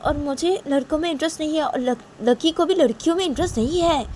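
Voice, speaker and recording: A woman voicing a young woman who protests in a high, shrill, pleading voice, for a spoken Hindi love story. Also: fast talker, darkish tone, slight background noise, lightly acted. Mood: upset musing. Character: young woman, flustered, protesting to her parents.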